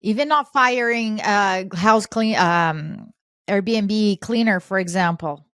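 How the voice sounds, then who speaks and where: A woman co-hosting a podcast, talking earnestly in a coaching manner and voicing quoted lines with lively emphasis. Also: medium pitch, slow pace, dry recording, studio quality. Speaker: podcast co-host. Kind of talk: casual podcast conversation.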